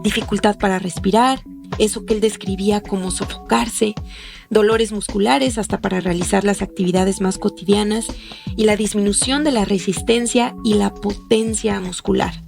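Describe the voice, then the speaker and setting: A woman hosting a podcast, reading a scripted documentary narration in a measured, explanatory way. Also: mid-range voice, steady tone, gravelly, a little mellow. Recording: faint music behind the voice.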